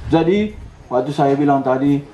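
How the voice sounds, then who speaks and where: A man's voice: on the high side, moderate pace, dark tone, slight background noise. A male preacher giving a camp sermon, telling stories and acting out short dialogues with lots of animation. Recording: roomy, slightly dull hall recording.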